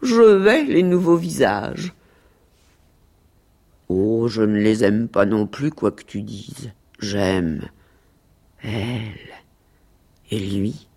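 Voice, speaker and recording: A woman reading aloud as a timid, affectionate little dog, with a slow, lilting literary delivery in an archival radio reading. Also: a bass voice, lively intonation, mellow, full character voice. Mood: earnest. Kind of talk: archival radio reading of a dialogue between animals.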